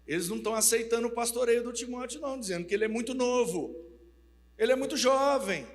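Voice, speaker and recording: Brief: man playing a worried messenger reporting trouble, high voice, echoing hall. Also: fast talker. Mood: concerned. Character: male church worker bringing worried news. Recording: reverberant church hall.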